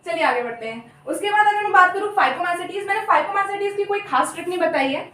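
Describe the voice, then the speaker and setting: Young female tutor, high-pitched, chatty and apologetic, recorded off-mic in an echoey room. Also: expressive, fairly bright tone, distant mic. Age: young adult. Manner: chatty, apologetic, repeats terms slowly. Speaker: biology teacher. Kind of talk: casual Hindi lecture with mnemonics.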